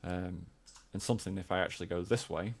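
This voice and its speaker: A game developer explaining footage, speaking hesitantly with many fillers. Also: male voice, low-pitched, fairly even intonation, a little fast, vocal fry. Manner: hesitant, full of hedging fillers.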